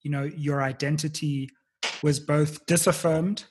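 An interviewer asking long, thoughtful questions, pausing often on fillers. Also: medium pitch, fairly even intonation, darkish tone, a little hiss or hum. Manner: thoughtful, hesitant, with many fillers.

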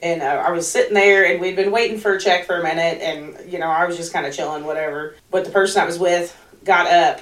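Animated woman storyteller, roomy sound. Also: fairly low pitch, fast. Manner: animated storyteller, acts out quotes loudly. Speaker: podcast co-host and server. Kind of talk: casual podcast chat. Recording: roomy, distant from the mic.

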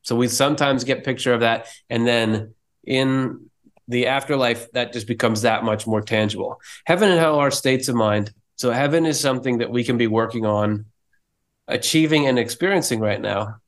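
A man's voice: mid-range voice, moderate pace. Earnest man explaining faith. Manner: earnest, explanatory, with frequent restarts. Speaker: podcast co-host. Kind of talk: casual theological discussion.

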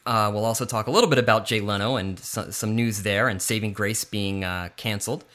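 A man's voice: on the low side, fairly even intonation, brisk, a bit bright. A man hosting a casual entertainment-news podcast, running down the week's stories in a breezy way. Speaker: podcast host. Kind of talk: casual chat.

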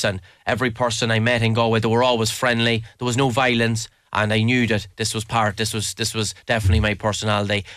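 An Irishman with a bright, forward voice at a middling pitch, recorded close and dry. He talks casually as an interview guest, with keen, emphatic enthusiasm, repeating words to press a point. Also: no room sound. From Leitrim, Ireland. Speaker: interview guest, mountain adventure guide. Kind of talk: casual spoken interview answers.

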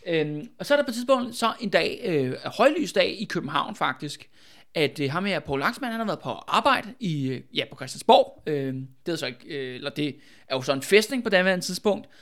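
A man with a high voice, well above the usual male range, leads a relaxed history chat. He tells events as a lively story, peppers his sentences with fillers and little "right?" tags, and bursts into acted-out dialogue. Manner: animated, many fillers and "ikke?" tags. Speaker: podcast host telling history.

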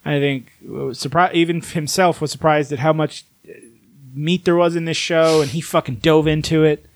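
A man's voice: on the high side, steady tone. Swearing, rambling man in casual chat. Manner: rambling, swears freely, does quick impressions. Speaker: podcast co-host.

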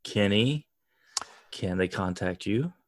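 A man's voice: fairly low pitch, expressive, slow pace, no echo, clean studio sound. A man hosting a hobby podcast, signing off in a laid-back, joking way. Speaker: podcast host. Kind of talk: casual podcast sign-off.

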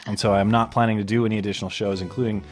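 A man's voice: on the low side, level tone, rapid-fire, soft background music. A young man hosting a call-in show, chatting casually with jokes and rambling asides. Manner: joking, rambling, self-mocking. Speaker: host.

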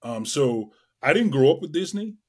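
A middle-aged man from Trinidad and Tobago, a guest entertainer telling his career story in a lively way, with many fillers. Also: fairly high pitch, moderate pace, slightly rough. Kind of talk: casual interview chat.

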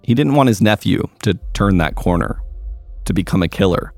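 Deep-voiced male reporter narrating. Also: lively intonation, normal speed, a little mellow, no room sound, faint music behind. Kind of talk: scripted narration.

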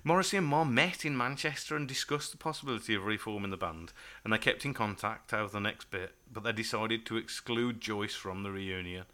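A man's voice: lowish voice, a little fast, hardly any pauses, bright, forceful tone. A man hosting a casual podcast chat, stopping and starting as he digs for names. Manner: chatty, stop-start, trails off recalling names. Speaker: podcast host.

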